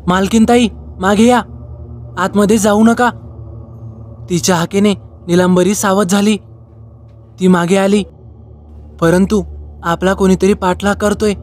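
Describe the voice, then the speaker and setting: A man narrating a horror story in a slow, measured style, phrasing it in short lines. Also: high-pitched.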